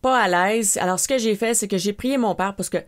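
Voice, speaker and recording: Woman, Québécois French accent, podcast host, personal storytelling, animated retelling, acts out her own cries of fright. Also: medium pitch, brisk.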